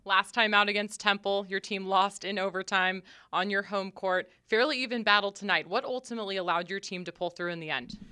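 A woman working as a sidelines reporter, asking crisp, scripted post-game questions. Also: mid-range voice, fairly even intonation, brisk, hardly any pauses, pushed and bright, no room sound, studio quality.

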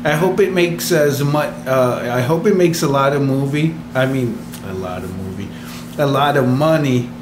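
A man's voice: medium pitch, normal speed. A man in his thirties chatting casually in a vlog, rambling with lots of fillers, filmed on a phone held at arm's length in a small room. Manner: chatty and rambling, with many fillers and soft chuckles. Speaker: vlogger. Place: small indoor room with hard walls. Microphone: phone camera held at arm's length. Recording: echoey small room, noisy background.

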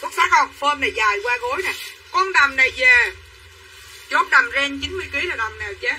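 A woman sells dresses on a livestream, chatting to viewers she calls sisters in lively sales patter. Her high voice is expressive, brisk, pushed and bright, recorded from a distance with faint room noise.

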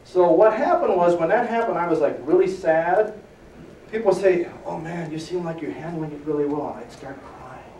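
A middle-aged man delivers a lively motivational fitness talk to an audience and keeps asking if they are still with him. His voice is fairly high for a man. It is picked up from across an echoey room. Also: normal speed, a little hiss or hum. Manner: energetic, checks in with the audience often. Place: seminar room before a live audience. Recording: echoey room, distant mic.

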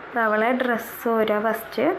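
A woman's voice: a little high, little pitch movement, moderate pace, background noise. A young woman, narrating her household chores in a casual, chatty voice-over and often tagging a word onto the end of her sentences. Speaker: vlogger.

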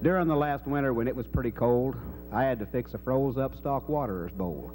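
A man's voice: medium pitch, a little fast, a little mellow, soft background music, low-quality recording. A middle-aged man with a folksy cowboy drawl, reciting cowboy poetry live into a stage microphone. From Kansas. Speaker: cowboy poet. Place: dark indoor stage. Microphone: stage microphone on a stand. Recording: faint noise and hum.

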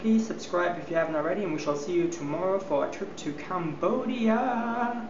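A man's voice: sits high, animated, moderate pace, lo-fi sound, background noise. A young man chatting upbeat to viewers while holding a camera at arm's length during a bus trip. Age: young adult. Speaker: travel vlogger. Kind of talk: casual travel vlog. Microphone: handheld camera at arm's length.

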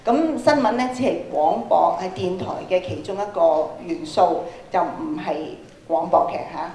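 A middle-aged woman with a Hong Kong Cantonese accent, a workshop speaker and radio programme producer, gives an interactive lecture on stage in a large school hall. Her fairly low voice, at a moderate pace with slight background noise, carries through a handheld mic and PA, echoing around the auditorium as a distant camera records. She projects animatedly to the students and keeps firing questions at them.

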